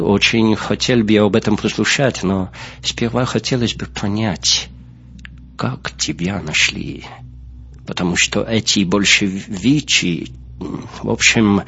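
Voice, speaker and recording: Guy doing a boozy buccaneer, slow drawl, skeptical, husky, dull lo-fi sound. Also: on the low side, a bit bright, heavily acted. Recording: muffled lo-fi recording.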